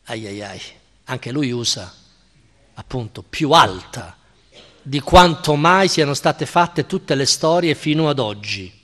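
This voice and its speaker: Slow, emphatic male professor in a hall. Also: medium pitch, animated, bright, forceful tone. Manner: slow, deliberate, emphatic, checks in with listeners. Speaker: philosophy professor. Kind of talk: university-style lecture. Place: lecture hall at a cultural center. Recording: reverberant lecture hall.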